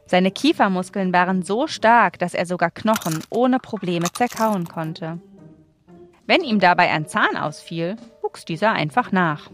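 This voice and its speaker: A woman's voice: fairly low pitch, lively intonation, measured pace, soft background music. A woman presenting as a children's show host, speaking directly to young listeners with simple scripted explanations and playful exclamations. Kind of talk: kids show hosting, scripted narration and questions.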